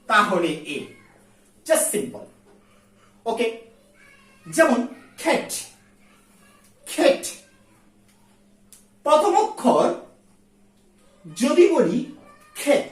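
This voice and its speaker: Slow, drilling woman teacher in an echoey room. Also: a little high. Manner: slow, repeats sounds to drill them. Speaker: English teacher. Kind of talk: explaining grammar in a video lesson. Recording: echoey room, far from the mic.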